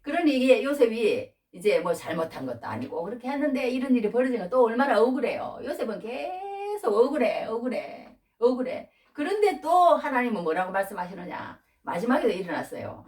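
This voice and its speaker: A woman gives a homely, conversational sermon, retelling a Bible story in her own words. Her pitch rises and falls in a very animated way. She sounds a little distant from the microphone. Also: fast, few pauses, reverberant. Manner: folksy, retells scripture with acted-out dialogue. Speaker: preacher.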